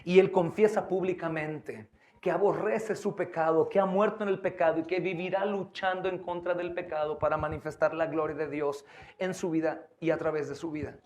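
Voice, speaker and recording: A man preaching a sermon as pastor, impassioned, swinging between loud emphatic lines and hushed pleading, calling his listeners brothers and asking them rhetorical questions. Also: on the high side, fairly even intonation, moderate pace.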